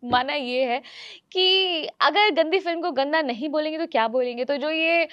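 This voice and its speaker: A woman's voice: sits high, normal speed, a bit bright, dry recording, highs cut off. A woman co-hosting a casual chat, talking in an opinionated way with frequent fillers. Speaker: co-host.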